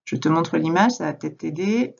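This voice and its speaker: A woman teacher recording a reading lesson for a young child at home, speaking slowly and patiently, addressing the child directly. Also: sits low, gravelly, a little mellow, slightly rough, lo-fi sound. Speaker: primary school teacher.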